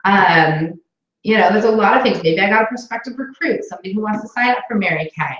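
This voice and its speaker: A woman's voice: mid-range voice, fast talker, fairly bright tone. A woman in a roomy indoor space talks new recruits through how the business works, chatty and encouraging. Her voice sounds slightly dull, as if recorded on a basic camera. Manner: chatty and encouraging, many fillers. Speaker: sales director coaching new consultants. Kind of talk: casual training talk with a live booking call.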